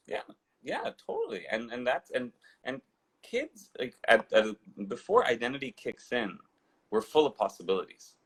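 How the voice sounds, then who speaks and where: A husky-voiced man in his thirties, raised in Dubai and India, recounts his life story as an interview guest. His mid-range voice swoops wildly in pitch at a moderate pace, and he rambles and digresses with frequent restarts.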